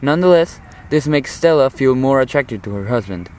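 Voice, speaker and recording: A man's voice: medium pitch, lively intonation, fairly quick, darkish tone, slight background noise, low-quality recording. Teenage boy giving a formal literary commentary. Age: teens. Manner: formal, earnest, analytical. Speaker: high school student.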